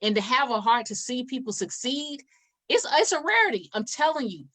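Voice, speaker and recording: A woman hosting a casual interview with an emphatic, preachy delivery. Her voice sits a little high, and she drives each point home by repeating it. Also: very animated, fairly quick, fairly bright tone. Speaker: interview host. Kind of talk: casual chat.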